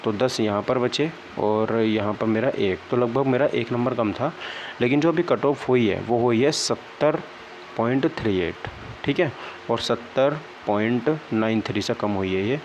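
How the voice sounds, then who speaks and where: There's a slightly mellow quality to this young man's mid-range voice as he talks at a measured pace. Working as an exam-prep vlogger, he explains things casually to viewers, sounding disappointed and downcast, with frequent "okay, right" check-ins. The clip has dull, lo-fi audio and faint background noise.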